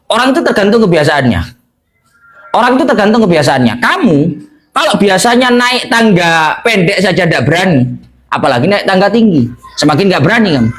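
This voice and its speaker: A male religious teacher delivers a lesson to a congregation in a conversational preaching style, his voice high and very animated. He mixes Javanese and Indonesian and often checks in with a quick "hah?"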